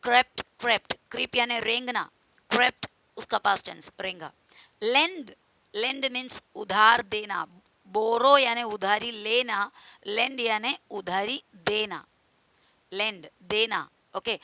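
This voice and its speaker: Casting: woman teacher, slow and deliberate, higher voice, hissy recording. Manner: slow, spells out words and repeats verb forms. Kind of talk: grammar lesson.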